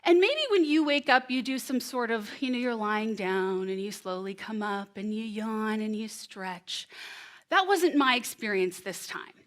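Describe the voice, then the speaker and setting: Woman storyteller, 30s, bright and slightly high voice, lively stage telling with pauses. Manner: expressive, animated delivery with dramatic pauses. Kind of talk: live storytelling performance. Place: presentation room before an audience.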